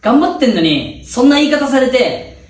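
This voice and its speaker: A man's voice: very high-pitched, very animated, moderate pace. A man acting a cheeky first-year student athlete who talks back with cocky mockery in a comedy sketch. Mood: mocking. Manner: cocky, mocking, drifting into Kansai-style speech. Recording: echoey room, mic from a distance.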